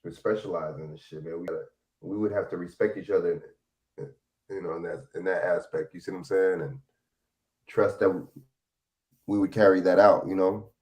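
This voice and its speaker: Laid-back man with a low voice. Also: fairly even intonation, fairly quick, pauses often, darkish tone. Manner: laid-back, chuckling, agreeing a lot, heavy on slang. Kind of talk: casual discussion.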